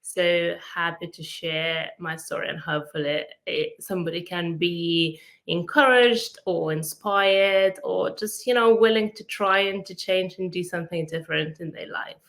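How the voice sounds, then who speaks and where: A woman with a Lithuanian accent tells her story as a guest in a casual interview. Her voice sits a little low but rings bright and clear. She speaks earnestly, often pausing on fillers. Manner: earnest, hesitant with frequent fillers.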